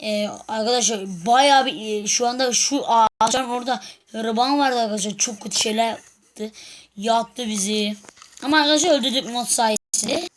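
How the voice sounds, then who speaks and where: A woman with a fairly high, somewhat muffled voice chats through a game, addressing her viewers in halting, restarting sentences. The recording comes from a phone and carries a clear bed of background noise. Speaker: gaming video creator. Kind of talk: casual game commentary.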